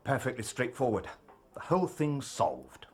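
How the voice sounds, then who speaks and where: Inspector Lestrade, a cocky, husky-edged police detective. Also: male voice, mid-range voice, huge pitch swings, moderate pace. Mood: smug, brisk. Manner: cocky, condescending. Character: smug, brisk, self-satisfied male police inspector. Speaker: actor in an audio drama. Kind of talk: dramatised detective radio play.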